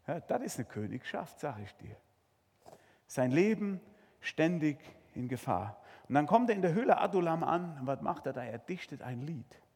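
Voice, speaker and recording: A man's voice: medium pitch, darkish tone, husky, long reverb tail. A male preacher giving a dramatic sermon, talking straight to his listeners with rhetorical questions.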